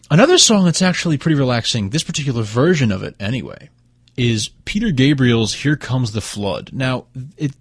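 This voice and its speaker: A man hosting a music show, introducing songs in a hushed, relaxed way with plenty of fillers. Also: on the low side, no echo. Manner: hushed, relaxed, mellow delivery; rambling with frequent fillers. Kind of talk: casual radio-style song introductions.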